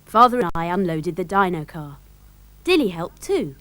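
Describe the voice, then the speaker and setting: A woman with a British accent narrating a children's storybook in a lively, expressive way. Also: lowish voice, normal speed, no room sound.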